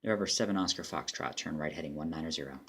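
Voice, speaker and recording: A man's voice: extremely low pitch, fast talker, fairly bright tone. A man speaking as an air traffic controller, mixing clipped phraseology with casual commentary. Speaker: air traffic controller player and demo narrator.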